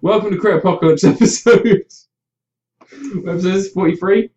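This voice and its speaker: A man's voice: high voice, brisk, a little mellow. Male podcast host, opinionated, sweary, casual ranting chat, dull distant webcam-mic sound. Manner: ranting, sweary, mimics others in mock quotes. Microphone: webcam about five feet away.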